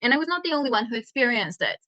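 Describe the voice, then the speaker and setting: A woman speaks on a video call, her voice bright and a touch higher than most. She talks earnestly, with frequent small hesitations. The sound is dry and close, with no room echo. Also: very animated, racing, lo-fi sound. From Hungary. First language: Hungarian. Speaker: guest speaker, startup mentor. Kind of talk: online talk presentation.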